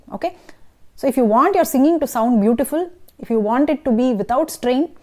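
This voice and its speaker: Woman vocal coach, patient explainer, slightly high pitch, lesson delivery with sung demos. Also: mellow. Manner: patient, explanatory, checks in with "okay?" and "right?". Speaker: singing teacher.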